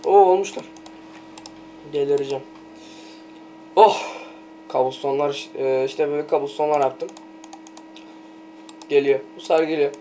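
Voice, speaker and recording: Young Turkish-speaking gamer narrating play. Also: male voice, on the high side, fairly even intonation, moderate pace, pauses often, mellow, slight background noise. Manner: chatty, talks to himself while playing, many "ee" fillers. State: keeps trying to sneeze. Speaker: gameplay commentator. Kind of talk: casual let's play commentary.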